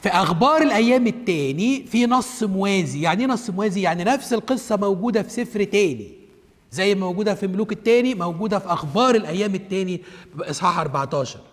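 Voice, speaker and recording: A man's voice: high voice, lively intonation, very fast, big-room sound. A man with an Egyptian Arabic accent teaching the Bible on television, asking himself questions and answering them, repeating each point step by step.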